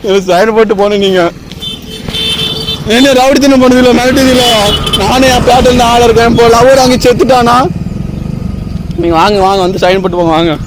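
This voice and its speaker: A man, pranking strangers at a roadside in a pestering, insistent and theatrical way. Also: very high-pitched. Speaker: prankster host. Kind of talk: street prank banter. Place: roadside outdoors with traffic. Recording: street traffic noise.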